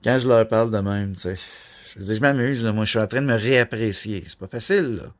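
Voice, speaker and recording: A man in his forties with a Québécois accent, rambling through a personal vlog in a flat, robot-like delivery, full of filler tags. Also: fairly low pitch, fast, dry recording. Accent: Québécois French. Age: 40s. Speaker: YouTuber.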